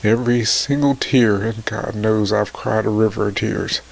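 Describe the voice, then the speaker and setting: A man in his forties speaking emotionally to his viewers, halting and tearful, his voice sometimes sinking to a near whisper. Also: on the low side, steady tone, gravelly. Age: 40s. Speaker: motivational vlogger. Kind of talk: emotional personal talk to camera.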